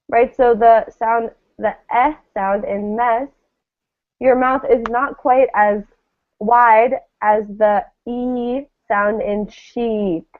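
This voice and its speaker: In a live online lesson, a woman drills word pairs for English pronunciation, sounding encouraging and enunciating model words with care. Her fairly high-pitched voice comes through narrow, tinny, thin call audio.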